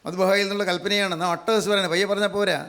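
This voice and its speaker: A man's voice: sits high, level tone, very fast, fairly bright tone. A male preacher giving a fervent sermon, emphatic and repetitive, often asking his listeners questions. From Kerala, India. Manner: emphatic, repeats phrases, asks the audience questions.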